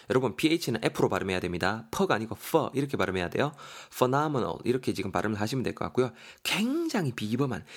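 Guy teaching vocab on a podcast, super lively up and down voice, spells stuff out. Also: medium pitch. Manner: animated, spells words letter by letter.

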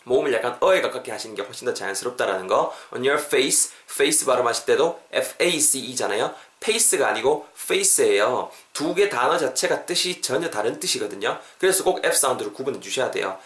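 A man's voice: mid-range voice, lively intonation, a little fast, hardly any pauses, fairly bright tone, reverberant. A Korean man teaching an English expression on a podcast, drilling phrases for listeners to repeat.

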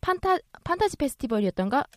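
A woman with a bright, higher voice co-hosts a casual podcast, swinging her pitch up and down as she tells stories with lots of energy. The recording is dry and close-miked. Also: fast talker, dry recording. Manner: lively, animated storyteller. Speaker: podcast co-host. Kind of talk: casual chat.

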